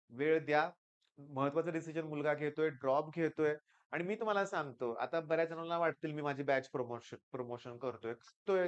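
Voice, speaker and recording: A man's voice: sits high, clean tone. A middle-aged man, a coaching class teacher giving students stern, direct advice and firing off rhetorical questions.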